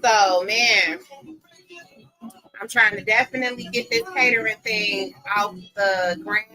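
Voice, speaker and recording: Woman, middle-aged, bright tense tone, animated, slangy, casual chat. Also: mid-range voice, unhurried, soft background music, low-quality recording. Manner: animated storyteller, laughs a lot, slangy. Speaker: interviewee.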